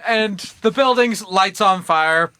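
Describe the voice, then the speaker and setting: Male podcast co-host with a high, bright, dry voice; rambling comic pitch full of laughs and restarts. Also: slow, smooth, dry recording. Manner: rambling, laughs often, self-correcting. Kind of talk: casual comedic movie pitch.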